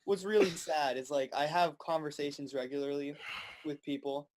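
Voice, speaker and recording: A teenage boy on a podcast trading sarcastic jokes in a lively, casual way. His voice sits a little above the usual male pitch. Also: normal speed. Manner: sarcastic, joking, animated. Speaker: podcast co-host. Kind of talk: casual chat.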